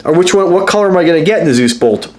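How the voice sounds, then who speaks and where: In a racing, high-pitched voice with lively intonation, a watch reviewer hosts his casual vlog. He rambles excitedly, restarts often, leans on fillers, and speaks straight to viewers as "guys."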